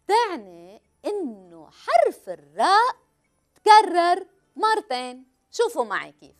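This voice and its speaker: A woman with a Levantine Arabic accent, a teacher giving a children's language lesson. She stretches words out slowly and keeps quizzing her viewers. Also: extremely high pitch, big pitch swings.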